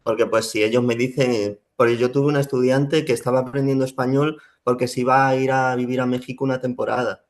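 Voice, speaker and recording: A young man talks it over in an interview. His gravelly voice sits at a middle pitch. He thinks aloud and often restarts his sentences. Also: flat delivery, fairly quick, hardly any pauses. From Spain. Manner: reflective, many fillers and restarts. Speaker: Spanish teacher, guest. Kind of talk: casual interview talk.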